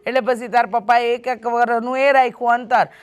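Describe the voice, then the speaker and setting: A woman's voice: a little high, fairly even intonation, brisk, smooth, natural voice. A woman playing a mother who sternly lectures her headstrong daughter. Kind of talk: family drama acting.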